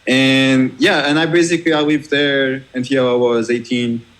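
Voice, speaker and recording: A young Portuguese man, a guest DJ and music producer, talks casually in an interview with a Portuguese accent. His mid-range, fairly bright voice stays fairly even in intonation, but his speech is halting, full of restarts and fillers, and he laughs easily. The recording is rough.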